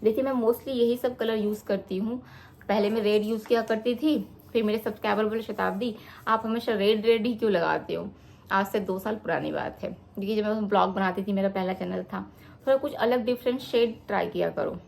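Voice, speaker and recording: A woman's voice: medium pitch, a little fast, gravelly, darkish tone. A woman vlogger casually showing her beauty products and talking straight to her viewers. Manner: chatty, addresses viewers directly. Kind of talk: casual product show-and-tell vlog.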